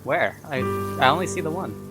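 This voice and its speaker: Man gaming over voice chat, voice cutting in and out, halting and repeating, lively pitch, music behind. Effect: voice cutting in and out over an online call. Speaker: gamer playing co-op with friends.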